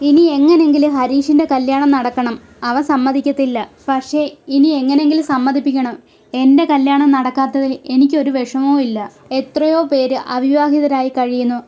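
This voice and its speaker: A woman reading the lines of a weary, unmarried middle-aged man who talks softly and philosophically about his own bad luck. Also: sits high, fairly even intonation, moderate pace, lightly acted. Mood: resigned.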